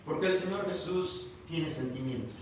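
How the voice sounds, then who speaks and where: At a church service, a man preaches a sermon, telling the story expressively and posing questions to the listeners. His voice is a little high at a moderate pace, captured from a distance in an echoey church hall with background noise.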